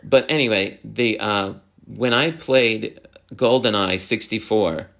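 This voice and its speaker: This is a young man in a casual podcast chat who talks in loose, halting bursts. He circles back and restarts his thoughts often, and he gets animated when he slips into imitating other people. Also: fairly low pitch, creaky. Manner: rambling and halting, full of restarts and fillers.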